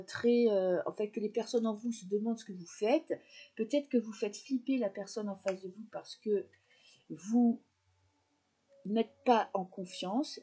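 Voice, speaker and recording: A woman with a slightly high, warm voice and a breathy edge does a casual tarot reading. Chatty and full of fillers, she speaks directly to her viewers.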